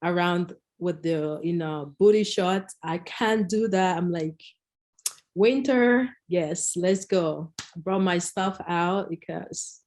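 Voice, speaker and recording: A woman's voice: lowish voice, fairly even intonation, unhurried, hardly any pauses, darkish tone. A woman from Nigeria, co-hosting a podcast in casual chat, telling stories emphatically and laughing often. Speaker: podcast co-host.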